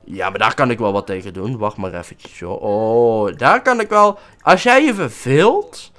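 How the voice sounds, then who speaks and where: Animated young man playing a game. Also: on the low side, normal speed, smooth. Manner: playful, voices his character with mock emotional outbursts. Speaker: gaming YouTuber. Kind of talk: casual let's-play commentary.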